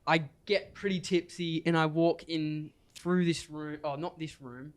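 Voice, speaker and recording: A man's voice: a little high, steady tone, a little slow. A young man hosting a podcast, rambling through a party story and laughing often. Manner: rambling, laughs often while telling stories. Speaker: podcast host. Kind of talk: casual storytelling chat.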